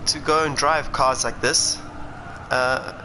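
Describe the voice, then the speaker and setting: A South African man, a racing driver, speaks slowly with fairly even intonation and a medium pitch while streaming a sim racing game. He chats and reasons aloud over a bed of engine noise and racing car sounds.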